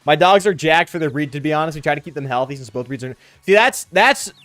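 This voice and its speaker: A game streamer's voice sits on the high side, fast, animated, and fairly bright, captured on a close microphone with no room sound. He keeps up frat-bro livestream chat over gameplay, full of "bro" and "dude," with music in the background.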